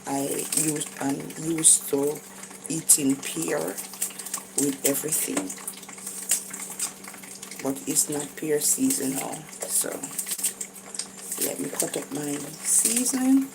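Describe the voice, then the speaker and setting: Her voice sits low and creaky as this weary Jamaican cooking vlogger talks through a laid-back video from a cramped kitchen. She hesitates often, using lots of fillers and starting over. Kitchen sounds come through on the phone audio, recorded from a phone held overhead.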